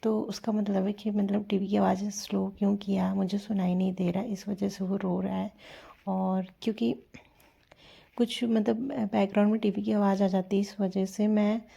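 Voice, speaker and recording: A woman's voice: mid-range voice, flat delivery, moderate pace, vocal fry. A young woman chatting casually in a home vlog from her bedroom, rambling on and talking to her baby. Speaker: family vlogger. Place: bedroom at home with the door open. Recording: loud street traffic noise through open door.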